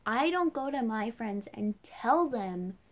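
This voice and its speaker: In a slightly high, expressive voice and at a slow pace, a young vlogger rambles casually through a personal rant, peppering it with "like."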